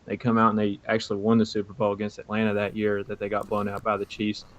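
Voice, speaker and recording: A man's voice: on the low side, completely flat delivery, quick pace. A man co-hosting a sports podcast, talking football casually in a rambling way. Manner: rambling, many fillers and restarts. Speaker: podcast co-host. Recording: dull lo-fi mic audio.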